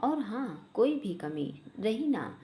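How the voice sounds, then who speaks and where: A woman's voice: a little high, sing-song, takes it slowly, warm tone. A woman voicing a harsh, bossy aunt who scolds, in a storybook reading. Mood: scolding. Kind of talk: storybook voice acting.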